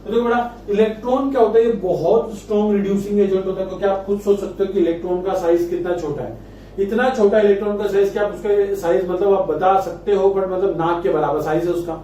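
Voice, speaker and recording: A man's voice: sits high, steady tone, quick pace, mellow. A man teaching chemistry in speech, coaxing students and answering his own questions. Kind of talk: classroom lecture. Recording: echoey room, distant mic, faint noise.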